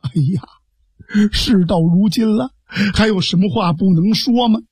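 A man's voice: sits high, a little slow, a little mellow, breathy edge, no room sound, full character voice. A male storyteller voicing a grieving, shaken male official who stammers. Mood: grieved. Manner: stammering, heavy-hearted.

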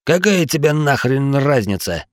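A man's voice: medium pitch, big pitch swings, moderate pace, no room sound, clean studio sound, pitched above the performer's own voice. A man voicing tense, sarcastic male companions in an audiobook, lifting his voice above his narration.

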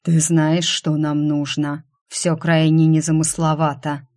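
A woman voicing a calm, cold male Death who speaks unhurriedly. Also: sits low, unhurried.

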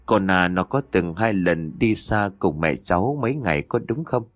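A man's voice: sits low, lively intonation, normal speed, no echo, clean studio sound. A man voicing a grave old village exorcist. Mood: commanding. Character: elderly male village exorcist, grave and urgent.

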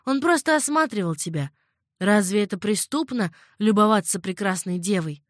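Calm old servant woman, patient and coaxing, woman reading, dry close audiobook sound. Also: medium pitch, normal speed, no room sound, lightly acted.

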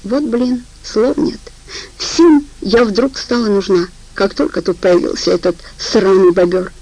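A coarse, mocking young woman who swears freely and sounds bone-tired and scornful, as a female audiobook reader puts her on. Her voice carries a gravelly, creaky edge. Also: mid-range voice, fairly even intonation, measured pace, dark tone, no room sound, poor audio. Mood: irritated, scornful.

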